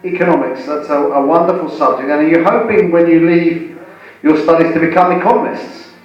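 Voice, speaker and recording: A man in his forties hosting live stand-up, talking haltingly with repeated words as he chats to the audience. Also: fairly high pitch, dull audio, faint music behind. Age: 40s. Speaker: stand-up comedian and host. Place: indoor comedy venue. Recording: echoey live room, distant mic.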